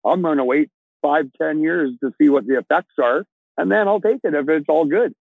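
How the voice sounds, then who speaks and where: A trucker guest in his sixties from Alberta, Canada, chats casually over a video call from his truck cab using earbuds, plain-spoken and rambling with restarts. His fairly high voice has vocal fry and a normal pace, and the audio is dry and tinny with no echo.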